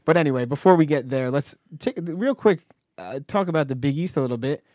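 A man's voice: fairly high pitch, expressive, a little fast, a little mellow, no room sound, clean studio sound. A man hosting a podcast, talking sports in a casual, conversational style. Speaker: podcast host.

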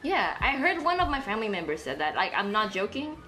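A woman's voice: mid-range voice, very animated, quick pace, sharp tone, soft background music. A young woman from Indonesia co-hosting a podcast, talking bluntly, swearing freely and mixing in Indonesian words. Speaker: podcast co-host. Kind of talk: casual chat.

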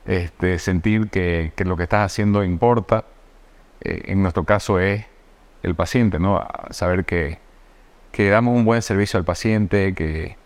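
Low-voiced man musing slowly. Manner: thoughtful and hesitant, with many fillers and restarts. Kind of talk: reflective conversational podcast. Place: indoor podcast studio.

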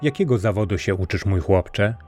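A man's voice: fairly low pitch, animated, normal speed, a little mellow, soft background music, natural voice. A man voicing a scheming sorcerer who poses as a kindly uncle, speaking in a sweet, sly way in a storybook reading.

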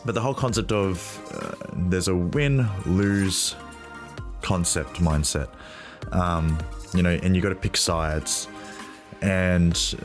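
A deep-voiced young man talks through his solo podcast, husky from a cold. He speaks reflectively and loosely, with fillers and the odd throat clearing. Faint music plays underneath. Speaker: podcast host.

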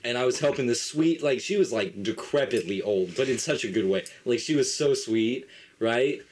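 Teen guy host, middle pitch, rambling anecdote style, light background hiss. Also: lively intonation, normal speed, darkish tone. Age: teens. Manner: rambling storyteller, full of fillers. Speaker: podcast host. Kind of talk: casual chat.

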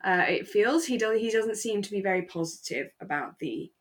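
A podcast co-host with a mid-range voice and lively intonation talks at a moderate pace. Casually reviewing a radio drama, she reflects and hedges as she works through her thoughts.

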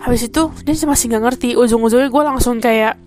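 A woman's voice: on the high side, fast talker, a little mellow. A young woman from Indonesia hosting a podcast, telling a story in a casual, chatty way full of fillers. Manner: chatty, full of fillers like "kayak" and "gitu kan". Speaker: podcast host. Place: a room in Taiwan.

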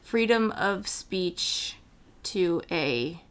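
A woman's voice: on the low side, expressive, drawn-out words. A young American woman hosting a casual podcast chat, quizzing her guest in a chatty way with frequent fillers. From United States. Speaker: podcast host.

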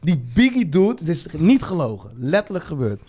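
A man's voice: a little high, sing-song, normal speed, dark tone. A man hosting a bar podcast, telling a story casually with slang and laughter. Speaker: podcast host.

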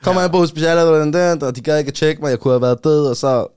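A young man from Amager, Denmark, telling a personal story in a casual chat, animated and often checking that the listener follows. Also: on the high side, clear, resonant tone. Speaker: guest, rapper.

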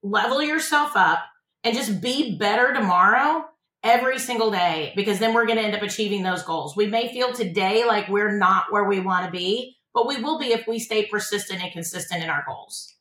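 A woman's voice: medium pitch, normal speed, fairly bright tone, reverberant, low-quality recording. A woman who owns an insurance agency, a podcast guest talking about her work in an earnest, motivational way and often repeating words as she starts a thought. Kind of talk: casual interview chat.

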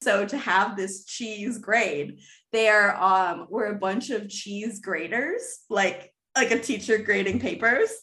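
A woman's voice: mid-range voice, takes it slowly, pushed and bright. A young woman co-hosting a casual podcast, explaining at length with plenty of fillers. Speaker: podcast co-host.

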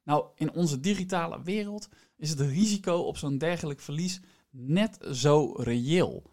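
A man's voice: on the high side, a little slow, a little mellow. A man hosts a podcast, explaining things in a semi-scripted way and addressing the listener directly. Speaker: podcast host.

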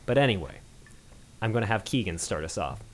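Low-voiced male podcast host. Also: fairly quick, a little hiss or hum. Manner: relaxed, with fillers and restarts. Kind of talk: casual podcast chat. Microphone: remote call-in mic.

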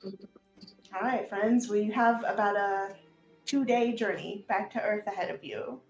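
A woman's voice: mid-range voice, a little slow. A woman hosting and narrating an improvised tabletop game in a casual, encouraging way. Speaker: game master and host. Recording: echoey room, music behind.

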